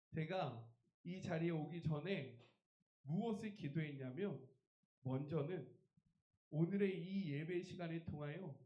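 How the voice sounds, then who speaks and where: A pastor delivers a Korean church revival sermon, emphatically firing rhetorical questions at his congregation. His voice sits a little high and sounds reverberant, with the high frequencies cut off.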